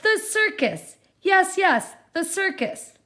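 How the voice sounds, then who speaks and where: A woman voicing a greedy witch who shouts in a shrill, excited voice while reading a storybook aloud. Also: slow pace, heavily acted. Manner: excited exclamations. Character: screechy greedy witch, female, hungry for pig pie.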